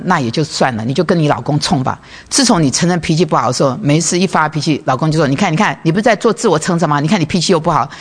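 A woman's voice: low voice, creaky, husky. A woman preaching a sermon, asking rhetorical questions and acting out everyday conversations. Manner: asks rhetorical questions and acts out everyday dialogue.

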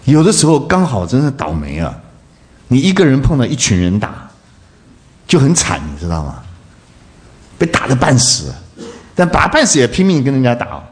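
A male preacher giving a sermon, throwing rhetorical questions at the congregation and swinging between loud bursts and soft asides. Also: mid-range voice, wildly swooping pitch, moderate pace, pauses often.

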